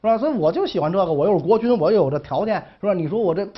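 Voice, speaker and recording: Man voicing an ancient duke, jovial, indulgent, chatty, lively pitch, husky. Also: racing, highs cut off. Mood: candid. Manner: chatty, drawling, says 是吧 a lot.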